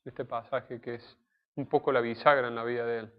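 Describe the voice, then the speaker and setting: A man giving a sermon in a conversational, explanatory way, pausing to restate his points. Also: medium pitch, little pitch movement, clean tone. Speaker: preacher. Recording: dull lo-fi recording.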